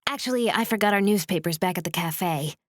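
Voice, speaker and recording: Woman voices an upbeat, forward young woman, higher than the narration, dry read. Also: brisk, dry recording, lightly acted. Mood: chirpy. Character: bubbly, forward young woman, the best friend.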